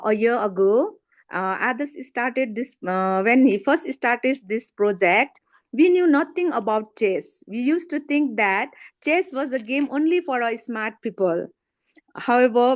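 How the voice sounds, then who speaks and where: A middle-aged woman with a Nepali accent speaks a little high, reading a prepared talk at a measured pace with frequent "uh" pauses. Her voice comes over a video call and sounds close and dry. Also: dry recording. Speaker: guest speaker, parent. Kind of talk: prepared talk read aloud.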